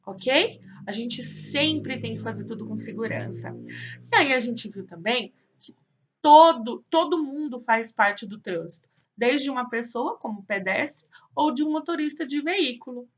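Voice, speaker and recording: A woman teaching young children online, in a sing-song, drawn-out way, asking questions and answering them herself. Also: on the high side. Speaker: primary school teacher.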